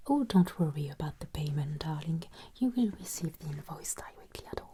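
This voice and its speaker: A woman playing a gentle, courteous fantasy travel agency assistant in a breathy, soothing whispered role-play. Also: on the low side, a little hiss or hum, close to an everyday voice. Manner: slow, soothing, gently attentive. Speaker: ASMR performer.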